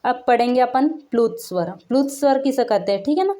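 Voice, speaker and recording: A woman's voice: a little high, a little fast, warm tone. A woman teaching a Hindi grammar lesson in a casual classroom way. She keeps checking that the viewer follows and stretches out sounds to show them. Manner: repeats "theek hai na" after each point, asks the viewer questions; stretches out sounds to show how long they are.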